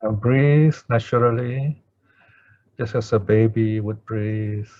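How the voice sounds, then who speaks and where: Here a man with a lowish voice guides a meditation and leads chanting as a Buddhist teacher. He speaks calmly and deliberately with pauses, and the recording is dull.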